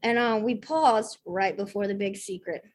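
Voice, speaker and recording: This is casual personal testimony from a woman of the American South speaking at a recovery meeting, talkative and quick to poke fun at herself, with lots of fillers and mini impressions of what people said. She has a mid-range voice at a moderate pace, and there's slight background noise.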